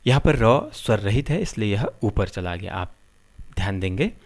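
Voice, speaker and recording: A man teaching a lesson, spelling out letters one by one in a measured way. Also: on the low side, sing-song. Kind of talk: slow explanatory lesson.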